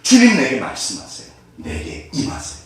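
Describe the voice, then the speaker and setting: In an echoey room captured from far away, a male pastor gives a lively sermon full of questions for the congregation. He has a lowish voice and a moderate pace.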